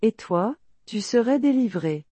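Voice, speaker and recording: A proud, threatening ancient king speaks, as a woman reads his words. The tone is mellow and warm, the sound dry and close. The delivery stays solemn and measured. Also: on the high side, animated, breathy edge, dry recording. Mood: scornful.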